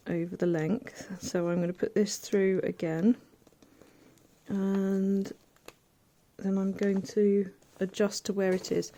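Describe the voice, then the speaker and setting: Mellow-voiced woman demonstrating quilt piecing. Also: medium pitch. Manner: chatty, thinks aloud while working, soft asides. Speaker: quilting tutor. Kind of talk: casual hands-on sewing demonstration.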